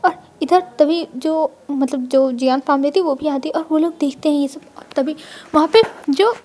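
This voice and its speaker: A woman's voice: high-pitched, normal speed, a little mellow. A woman telling a fan-fiction story in a casual, chatty way, with restarts and meandering asides.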